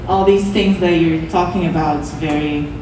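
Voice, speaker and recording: A woman's voice: sits low, fairly even intonation, moderate pace, warm tone, slight background noise. A young adult woman from Brazil, a Portuguese speaker, earnestly explaining her art on a panel, with some restarts. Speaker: artist on a panel. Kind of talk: panel talk. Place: gallery event space. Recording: echoey room, distant mic.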